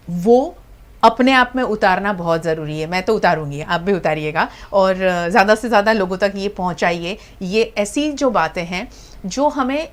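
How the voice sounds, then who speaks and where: A woman hosts a TV interview for a news channel, summing up her guest's points. She speaks in an encouraging, orderly way with short affirming words. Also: mid-range voice. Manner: encouraging, summarizing, brief affirmations. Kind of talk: TV interview and sign-off.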